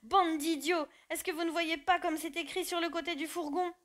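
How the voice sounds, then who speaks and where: A woman voicing a grumpy old male donkey who shouts loudly and urgently in a storybook reading. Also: very high-pitched, steady tone, moderate pace, voice pushed up. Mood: scornful. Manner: loud, urgent, braying.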